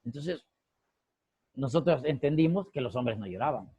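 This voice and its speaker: A man's voice: fairly high pitch, expressive, moderate pace, highs cut off, a little hiss or hum. A man teaching a sociology class over a video call, asking rhetorical questions and repeating key phrases. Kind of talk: online class lecture.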